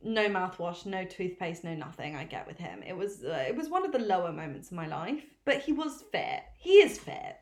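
A young woman co-hosting a podcast, chatting casually in an animated, self-mocking way and swearing freely. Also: fairly low pitch, fairly quick, few pauses. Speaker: podcast co-host. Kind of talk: casual chat. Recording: roomy echo.

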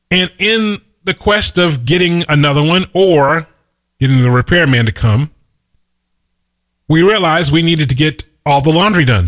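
A man's voice: a little high, a bit bright. A middle-aged man giving an emphatic motivational talk, repeating his key points and telling stories. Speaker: motivational speaker. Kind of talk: motivational monologue.

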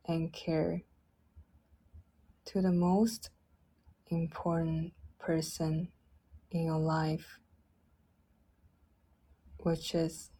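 Woman guiding a meditation, lowish mellow voice, soft and gentle. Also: husky. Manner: soft, gentle, drawn-out phrasing. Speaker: meditation guide. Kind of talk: guided meditation.

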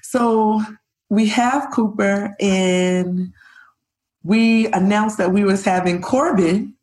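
An animated woman recounts her fertility journey, her voice sitting at a middle pitch for a woman. She gushes, tumbles through her sentences and acts out what other people said. The telling is personal and openly emotional. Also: slow pace. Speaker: fertility patient guest.

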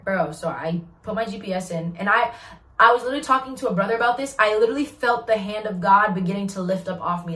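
A woman giving a casual testimony vlog, telling her story in an animated, slangy way. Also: lowish voice. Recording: roomy echo, distant mic.

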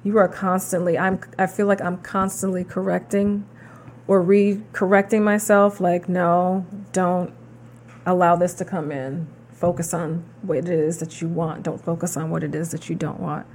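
Low-voiced woman, reflective podcast chat. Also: level tone, moderate pace, a little mellow, a little hiss or hum. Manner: reflective and encouraging, affirming with mm-hmms. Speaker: podcast co-host. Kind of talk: casual chat.

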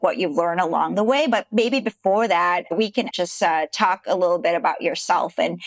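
A woman hosting a podcast interview, upbeat and quick to laugh, with frequent fillers. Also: fairly low pitch, creaky, fairly bright tone, dry recording. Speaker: podcast host.

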